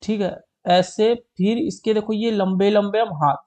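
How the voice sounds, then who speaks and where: A man's voice: high voice, fairly even intonation, a little mellow. A young man narrating a comedic drawing tutorial in a playful, self-mocking way, drawing out little sounds as he sketches. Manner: playful, self-mocking, repeats "ठीक है" and drawn-out "you". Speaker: drawing video creator.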